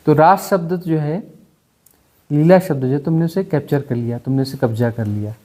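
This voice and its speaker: A man's voice: on the high side, moderate pace, warm tone. A man acting as a spiritual teacher, giving a discourse full of rhetorical questions and mocking impressions of moralizers.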